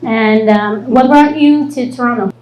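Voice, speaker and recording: Slow-speaking woman co-host in a roomy hall. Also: on the high side, a little mellow. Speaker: guest co-host. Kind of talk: interviewing on a live podcast. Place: live event venue with audience. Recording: roomy venue sound with faint hum.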